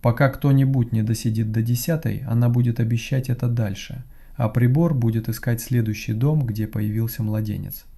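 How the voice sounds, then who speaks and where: A man narrates a first-person horror tale at night. His voice is dark and heavy, full of gravel and a husky edge. He keeps the delivery slow, measured and quiet. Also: mid-range voice, fairly even intonation. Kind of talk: scripted horror story narration.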